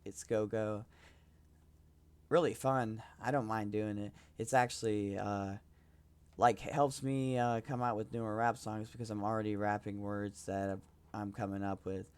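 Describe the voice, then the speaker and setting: Rambling young man, smooth voice. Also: lowish voice, fairly even intonation, a little slow. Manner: rambling, self-promoting, hesitant. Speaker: rapper hosting his own podcast. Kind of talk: casual solo podcast talk.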